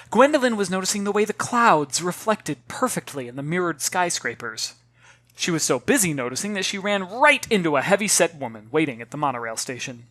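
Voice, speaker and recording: An author narrates a children's novel in an expressive, theatrical manner, speaking directly to the listeners. The voice is medium-pitched, with no room sound.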